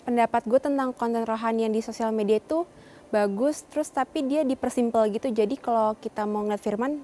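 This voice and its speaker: A woman's voice: on the high side, fairly quick, dark tone, faint music behind. A young woman in her late teens, a student, speaking briefly and simply. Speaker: student participant.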